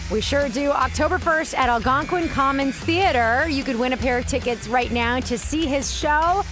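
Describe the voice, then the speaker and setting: A woman's voice: sits high, moderate pace. A woman co-hosting a morning radio show, giving an upbeat radio contest promo. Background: music.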